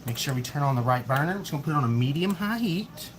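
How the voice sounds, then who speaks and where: A home cook streams a recipe from his kitchen on a phone camera, easygoing as he explains each step and chats with his child in a casual cooking demonstration. His voice is on the high side, sing-song, and rapid-fire. Behind him are kitchen clatter and a screaming parrot, making the background noisy.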